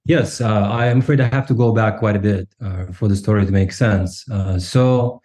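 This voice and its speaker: A man in his forties from Kazakhstan, whose first language is Russian, speaks in a low, mellow voice. He answers interview questions thoughtfully, building his points step by step and often checking in with a questioning "right?". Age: 40s. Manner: measured, reflective, ends points with a questioning "right?". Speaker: guest.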